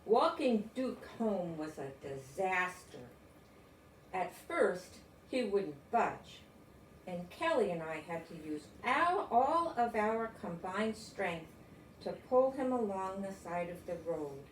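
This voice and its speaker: An older American woman with a medium-pitched voice reads a children's story slowly and with great animation. She is recorded from a distance in a roomy space, with faint noise in the background.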